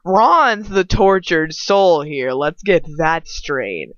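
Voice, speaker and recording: A woman, an amateur fan fiction reader and commentator, riffs on a story casually, rambling and blunt, sarcastic, exasperated and swearing freely. Her voice is on the low side, expressive, slow and a bit bright, with no echo in the dry, dull lo-fi home recording.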